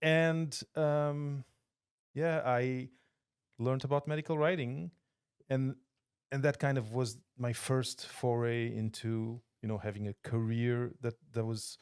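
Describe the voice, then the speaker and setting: A man's voice: mid-range voice, fairly even intonation, slow pace, darkish tone, clean tone. Thoughtful man from Portugal, podcast guest. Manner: thoughtful, many restarts and fillers. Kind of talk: casual interview chat. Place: podcast studio.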